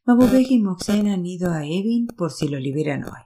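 A woman's voice: lowish voice, expressive, moderate pace, mellow. A woman reading a novel aloud, voicing an insistent, bossy sister who turns firm and soothing by turns. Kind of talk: audiobook reading.

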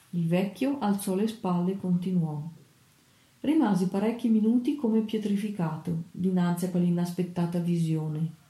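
Woman, audiobook narrator, measured storytelling, very dark mellow voice, echoey room. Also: medium pitch. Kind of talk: audiobook reading of an adventure novel.

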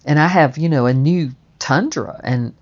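A woman's voice: low voice, moderate pace, a little mellow. A woman telling a personal story in a chatty, rambling way, full of fillers and restarts. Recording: dull, muffled audio.

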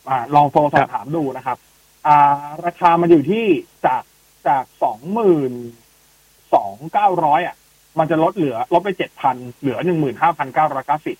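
Chatty man with a husky voice. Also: a little high, dry recording, rough recording. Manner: chatty, explains phone specs with many fillers. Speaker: tech podcast co-host answering listener questions. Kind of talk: casual chat.

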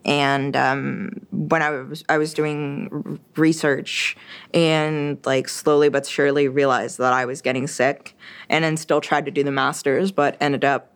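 A young French-speaking Québécoise is interviewed, talking a little slowly in a low-pitched, clean voice with a level tone. She's casual and chatty, restarting often and using lots of fillers.

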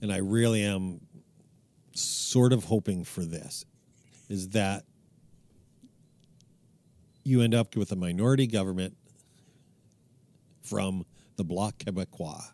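Mellow-voiced man in casual podcast chat. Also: sits low, slow pace, long pauses. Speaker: podcast co-host.

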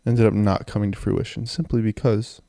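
A young man hosts a casual solo podcast while sick with a cold. His low voice is phlegmy and gravelly, and he rambles along in a low-key way. The handheld mic is close and the sound is very dry. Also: flat delivery, normal speed, mellow, no room sound. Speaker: podcast host. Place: in bed, indoors. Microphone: handheld mic and audio recorder, close.

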